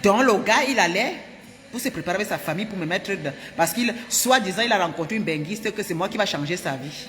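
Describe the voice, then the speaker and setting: A woman from Cameroon, telling her viewers a personal story in an animated, emphatic way and repeating herself often. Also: mid-range voice, quick pace, long reverb tail. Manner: animated and emphatic, with frequent repetitions. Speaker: vlogger.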